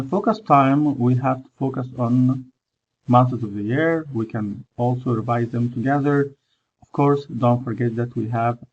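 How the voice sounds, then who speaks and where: A male English teacher with an Egyptian accent works through slides at an even, unhurried pace and pauses often with "uh" between words. His voice is gravelly and a little husky. The recording is dull and lo-fi. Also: mid-range voice. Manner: explains in English and Egyptian Arabic by turns, with many "uh" pauses. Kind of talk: recorded lesson over slides.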